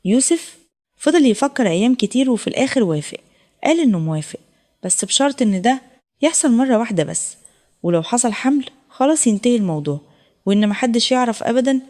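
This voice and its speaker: A woman's voice: a little high, expressive, fast, darkish tone. A woman with an Egyptian accent narrating a first-person audio story in an earnest, confessional way. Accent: Egyptian Arabic.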